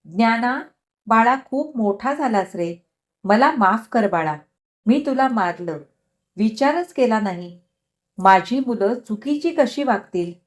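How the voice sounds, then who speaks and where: A hardworking mother speaks with strong feeling, as a woman storyteller puts her on, stern and emotional at once. She talks at a slow, deliberate pace. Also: on the high side, pitched above the performer's own voice, natural voice. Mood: tender. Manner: scolding, emotional. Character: poor hardworking mother, stern but loving.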